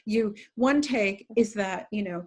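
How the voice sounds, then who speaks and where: Answering questions from an audience by video call, an older female academic speaks thoughtfully, hedging often and slipping in dry asides as she corrects herself. Her medium-pitched voice is measured, a little mellow, and has a breathy edge.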